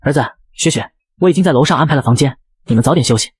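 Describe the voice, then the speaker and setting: A man's voice: medium pitch, rapid-fire, breathy edge, dry recording. A man voicing a jolly, nosy middle-aged mother in a comic narration, chatty and cheerful.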